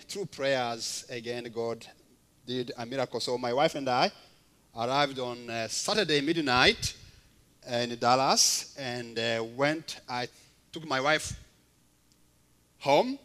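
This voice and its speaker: A medium-pitched man in his fifties from Rwanda preaches as a guest, delivering a testimony sermon haltingly, with frequent fillers and gentle humor.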